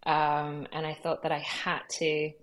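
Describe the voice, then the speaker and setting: Her voice is deep and unhurried: a woman in her thirties, born in Peru and raised between Los Angeles and London, appearing as a guest curator in a casual interview. Easy laughter, a chatty manner, and frequent fillers and "likes" mark her speech.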